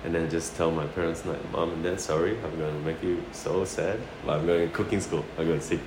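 A brisk, low-pitched man with fairly even intonation tells casual anecdotes in an interview. He's a chef from Sarawak in Malaysia who later settled in New Zealand, and he repeats phrases as he speaks. Expect a roomy echo and loud background noise.

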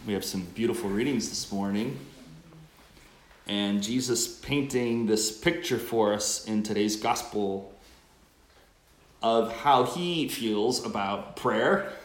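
A man with a fairly low voice speaks as a priest at Mass. His delivery is reflective, and the sound rings with a cathedral-like church echo. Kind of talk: Mass Gospel reading and homily.

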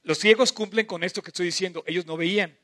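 A middle-aged preacher man with a notably high voice delivers a sermon. He is impassioned, rising to loud emphatic bursts, then dropping to soft, drawn-out phrases. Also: steady tone.

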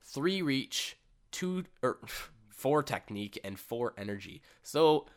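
A man's voice: mid-range voice, big pitch swings, slow pace, slight background noise. A young man co-hosting a podcast, chatting casually about fighting games and reading stats out with lots of fillers. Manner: rambling, reads stats aloud with fillers. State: hiccups. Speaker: podcast co-host. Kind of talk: casual gaming chat.

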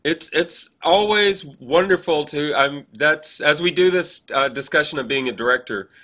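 A man with a slightly high, pushed, bright voice speaks at a normal speed. He's a podcast co-host who works as a theatre director and actor, chatting casually and telling animated anecdotes while acting out bits of quoted dialogue.

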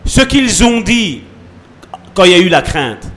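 A man delivers a sermon as pastor, his voice sitting high for a man. His pitch leaps and dips constantly, dropping to hushed asides and then rising to loud rallying calls. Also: unhurried, slight background noise. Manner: lively preaching, sudden drops to soft asides and rises to loud calls.

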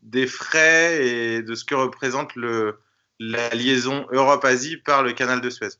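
A man explains in casual conversation, stopping often to search for words. His voice is bright and forward, with a slightly dull, lo-fi sound and a mid pitch. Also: fairly even intonation, a little slow.

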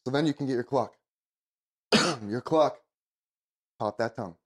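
A man's voice: medium pitch, a little slow. A man giving casual hands-on instruction as an expert, in a plain-spoken, informal way. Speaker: goose calling expert, instructor.

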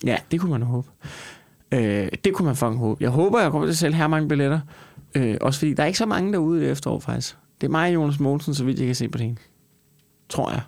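A Danish man with a slightly raised pitch talks as a podcast host in very dry sound. He chats casually, swears heavily and rants in an incredulous way. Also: gravelly, a little mellow, dry recording. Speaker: stand-up comedian.

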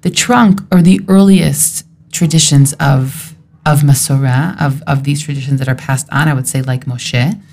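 A woman's voice: extremely low pitch, fairly even intonation, normal speed, vocal fry, a little mellow. A woman leading a Torah study discussion, thinking aloud in a searching, thoughtful way. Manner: thoughtful, searching, restarts while reasoning aloud.

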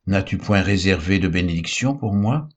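Man voicing a bitter elder son, pleading, low husky voice. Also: lively intonation, moderate pace. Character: bitter wronged elder brother.

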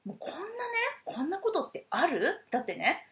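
A woman's voice: high-pitched, big pitch swings, fairly quick. A woman with a Kansai accent co-hosting a casual chat podcast, chatty and slipping between Kansai and standard Tokyo speech. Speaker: podcast co-host.

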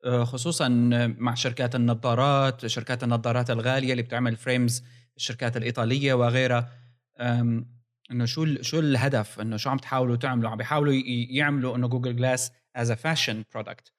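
Male, Levantine Arabic accent, fast pace, mid pitch, analytical podcast co-host, casual tech discussion. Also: level tone.

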